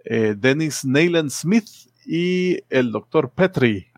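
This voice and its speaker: A man's voice: fairly high pitch, expressive, slow pace, no room sound, clean studio sound. A man, chatting casually and rambling through a comic book's story with many fillers and restarts.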